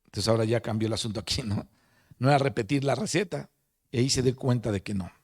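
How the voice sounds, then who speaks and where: A man preaching in a relaxed, conversational way, telling a story and leaning on fillers and restarts. His pitch sits in an ordinary middle range for a man. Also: fast, husky. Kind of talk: sermon. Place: meeting room of a family support center.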